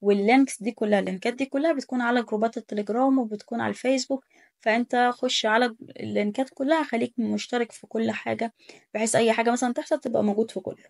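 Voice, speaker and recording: A woman's voice: on the high side, steady tone, very fast, vocal fry. An Egyptian Arabic-speaking woman teaching German pronunciation in a casual tutorial, correcting and repeating sounds with emphasis.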